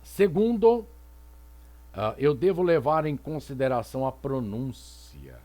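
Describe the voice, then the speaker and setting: A man's voice: medium pitch, sing-song, warm tone. A male literature teacher giving a recorded lecture, reading poems aloud and posing rhetorical questions that he then answers. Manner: didactic, asks rhetorical questions and answers them; reads poetry aloud slowly.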